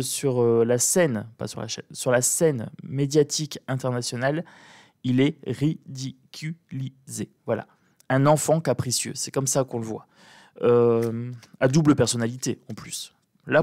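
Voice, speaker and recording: Male tarot reader for casual political commentary: soft morning voice, medium pitch, dry close sound, halting delivery with emphatic repeats. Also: no echo. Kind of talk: casual spoken commentary during a card reading.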